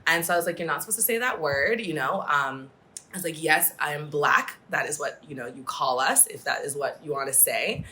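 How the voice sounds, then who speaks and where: Low, bright-toned young woman. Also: brisk. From Singapore and the US. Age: young adult. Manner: animated storytelling. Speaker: guest. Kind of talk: casual chat. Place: home dining room.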